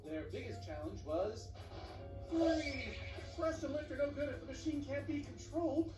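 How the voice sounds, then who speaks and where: Theatrical know-it-all hero, animated emphatic delivery, TV comedy sketch, distant playback, clear music. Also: high voice, normal speed, reverberant. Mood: grandly explaining. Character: pompous theatrical superhero-like master of explanation. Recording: TV played back in room, music behind.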